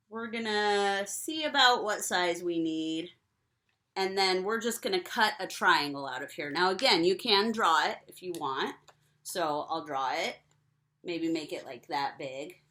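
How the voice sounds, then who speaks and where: A woman's voice: fairly low pitch, sharp tone. A young woman giving cheerful step-by-step craft instructions to children. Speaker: teacher.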